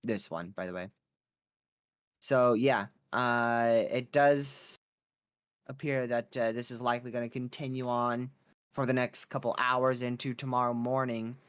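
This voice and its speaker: A man's voice: mid-range voice, steady tone, a little slow, clean tone. A man hosting a weather livestream, giving casual live commentary on a storm as it unfolds.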